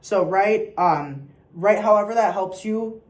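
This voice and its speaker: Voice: medium pitch, measured pace, a little mellow. A young adult choir teacher giving patient rehearsal instructions and singing short example phrases. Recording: echoey room.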